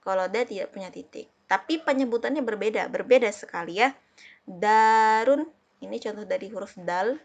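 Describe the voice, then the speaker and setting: A woman from Indonesia teaches a class lesson in a voice of ordinary height for a woman. She speaks patiently, repeats herself often and slowly sounds out each letter and example word. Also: medium pitch, vocal fry. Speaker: Arabic teacher.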